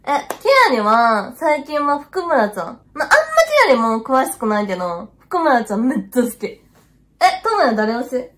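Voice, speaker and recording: A woman's voice: on the high side, big pitch swings, moderate pace, fairly bright tone. A woman playing a blunt, teasing young woman who used to chase host clubs, in a comedy sketch. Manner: blunt, teasing, casual slangy talk.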